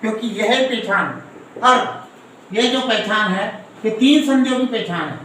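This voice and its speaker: A man with a strikingly high voice teaches a grammar lesson, walking through each example and checking whether the class follows. He sounds a little distant from the mic. The room rings with heavy echo over a faint hiss. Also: unhurried, bright, forceful tone. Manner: explains step by step, quizzes students.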